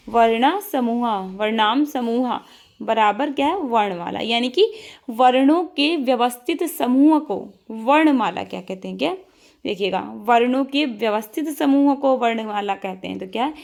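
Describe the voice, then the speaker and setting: A woman's voice: on the high side, gravelly, darkish tone. A woman teacher giving an online exam-prep lesson, drilling her students by asking a question and answering it herself, repeating each item.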